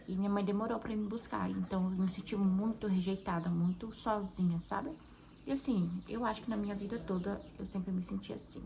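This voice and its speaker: A woman's voice: medium pitch, fairly even intonation, fairly quick, vocal fry, mellow, poor audio. A young adult woman with a Brazilian Portuguese accent, a mother sharing a personal testimony in a chatty, heartfelt way with frequent tag questions. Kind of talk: casual confessional monologue.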